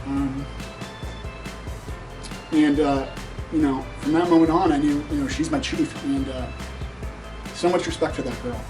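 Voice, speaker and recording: A man giving an unscripted graduation tribute, emotional and halting, with many pauses and fillers. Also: a little high, fairly even intonation. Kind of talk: unscripted speech at a ceremony. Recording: voice a bit distant, music behind.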